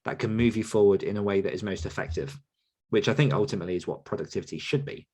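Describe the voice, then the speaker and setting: He speaks fast in a lowish, slightly mellow voice with a breathy edge. This podcast host and author coach fields questions casually and reflectively, working his way through sentences and correcting himself.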